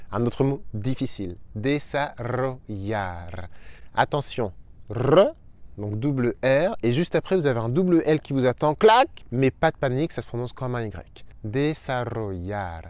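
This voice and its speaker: A young adult man giving an upbeat online language lesson, slowly spelling out sounds for his viewers. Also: medium pitch, darkish tone. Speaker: Spanish teacher.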